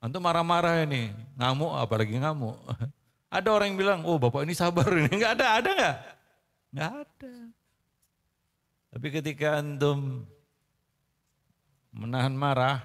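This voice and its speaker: A man's voice: on the high side, very animated, moderate pace, long pauses, a bit bright. A man giving a casual sermon to a congregation, bantering, quizzing his listeners and laughing often. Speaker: preacher. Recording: long reverb of a hall.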